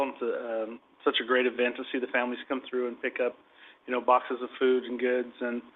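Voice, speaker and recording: A man speaking as a council member, hesitant with many fillers. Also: mid-range voice. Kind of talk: council meeting remarks. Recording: tinny phone-like broadcast audio.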